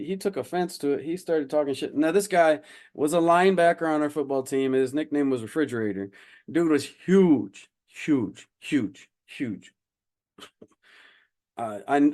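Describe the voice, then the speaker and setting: A man's voice: mid-range voice, darkish tone, clear, resonant tone. A male podcast host telling casual, slangy stories about past fights, chuckling and trailing off with fillers between stories. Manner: slangy and laid-back, with frequent "bro" and "dude". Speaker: podcast host and self-defense instructor. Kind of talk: casual anecdotal storytelling.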